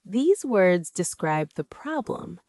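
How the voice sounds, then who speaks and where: A woman hosting a scripted English lesson, encouraging and spelling words out clearly for learners. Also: fairly low pitch, big pitch swings, slow pace, warm tone, dry recording. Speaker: English teacher host. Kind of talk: scripted teaching dialogue.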